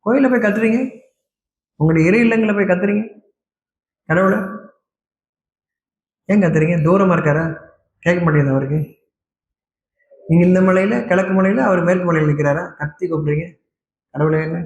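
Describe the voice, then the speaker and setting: A man preaching a sermon, scolding his listeners with a steady stream of rhetorical questions. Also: high voice, moderate pace, pauses often, echoey room, dull audio.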